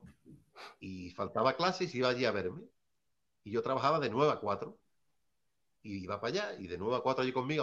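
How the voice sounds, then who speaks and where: A man's voice: mid-range voice, a bit bright, highs cut off. A man from Seville, telling hip hop anecdotes in a rambling, casual way and often asking "¿sabes?". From Seville, Spain. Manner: rambling, tags lines with "¿sabes?". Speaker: early hip hop artist.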